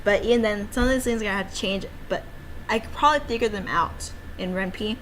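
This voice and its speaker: A fast-talking woman with a mid-range, slightly bright voice streams and develops games as an amateur. She chats casually and ramblingly, playful and given to cutesy exclamations. The recording is low quality, with clear background noise.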